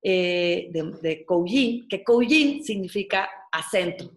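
Chatty woman chef, lowish voice. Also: animated, takes it slowly. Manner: chatty, storytelling, frequent fillers and restarts. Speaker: chef and restaurant owner. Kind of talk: casual interview conversation.

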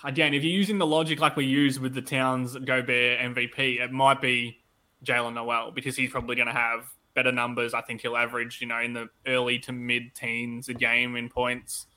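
A man's voice: mid-range voice, level tone, fairly quick, bright, forceful tone. A man co-hosting a casual sports podcast with analytical, conversational talk, his voice affected by tonsillitis. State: tonsillitis-affected voice that comes and goes. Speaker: podcast co-host.

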